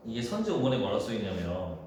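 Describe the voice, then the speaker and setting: Male teacher, casual exam review, lively pitch, very echoey room, faint noise. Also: fast. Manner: casual, thinks aloud, acts out quoted dialogue in a raised voice. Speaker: high school Korean teacher. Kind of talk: online class Q&A on exam questions.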